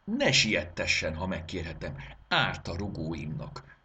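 A man voicing a courteous, fretful old female pocket watch in a storybook reading, with a very husky voice. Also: low-pitched, animated, heavily acted. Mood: offended. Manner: courteous and apologetic, fussy about her springs.

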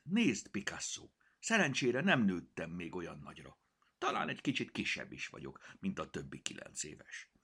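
An earnest nine-year-old girl, as a male narrator puts her on, speaks in a lifted, pleading storybook voice. The tone swings lively up and down with a slightly husky grain. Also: low voice, full character voice. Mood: eager.

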